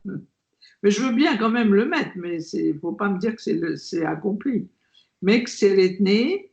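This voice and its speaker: A woman's voice: medium pitch, lively intonation, unhurried, creaky, a little mellow. A woman learning a language on a video call, hesitant and thinking aloud as she practices. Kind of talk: casual lesson chat. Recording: dull lo-fi video call audio.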